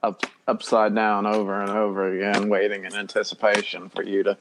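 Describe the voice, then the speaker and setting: A man co-hosting a casual music podcast, laid-back and joking, sometimes speaking in quick bursts. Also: on the low side, monotone, heavy background noise. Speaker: podcast co-host. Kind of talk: casual chat.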